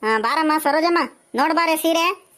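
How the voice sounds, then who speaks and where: A bossy village woman, played by a woman, nags and teases. Her voice sits high and carries a bright edge. It is a homespun village comedy skit. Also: normal speed. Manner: nagging, teasing back-and-forth chatter. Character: chatty, bossy village woman shopping for saris.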